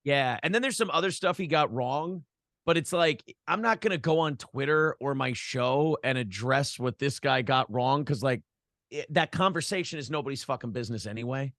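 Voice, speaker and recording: A former radio broadcaster now hosting a podcast appears as an interview guest, an American man chatting casually and with profanity, telling stories by acting out imagined quotes. His mid-range voice is a bit bright at a moderate pace, captured in studio quality with no room sound.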